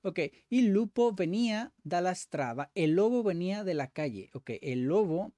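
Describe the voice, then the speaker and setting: A man's voice: high voice, expressive, normal speed, mellow, dry recording. Man, casual exercise commentary, thinks aloud, keeps correcting himself, dry sound. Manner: thinking aloud, self-correcting, frequent "vale?" and "ok". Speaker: language-learning video host. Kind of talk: casual commentary while doing language exercises.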